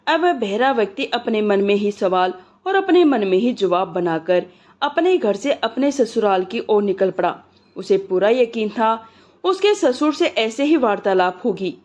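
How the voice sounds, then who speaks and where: A woman's voice: mid-range voice, animated, unhurried, darkish tone. Woman narrating a comic folk tale. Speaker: storyteller.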